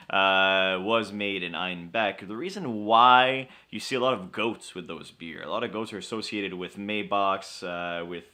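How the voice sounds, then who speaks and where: A young man with a lowish, sharp-toned voice co-hosts a casual beer show, explaining history with wry humor.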